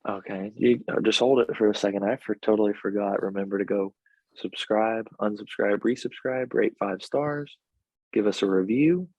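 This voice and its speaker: A man co-hosting a podcast in casual chat, easygoing and quick to laugh, talking over a remote call. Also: on the low side, darkish tone, dry recording, dull audio. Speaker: podcast co-host. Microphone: remote call mic.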